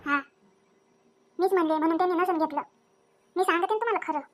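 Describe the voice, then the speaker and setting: Woman playing a tearful young mom, pleading, very high voice, faint music. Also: fast talker. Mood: remorseful. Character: protective young mother, suspicious then remorseful.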